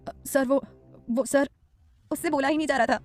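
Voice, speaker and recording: A woman's voice: high voice, normal speed, close to an everyday voice. A woman voicing a nervous male office manager who stammers and hesitates in an audio story.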